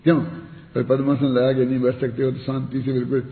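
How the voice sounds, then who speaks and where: A man's voice: mid-range voice, completely flat delivery, fast talker. Man teaching in an echoey hall. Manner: conversational, full of rhetorical questions. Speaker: religious teacher. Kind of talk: spiritual discourse. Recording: tinny, echoey hall recording.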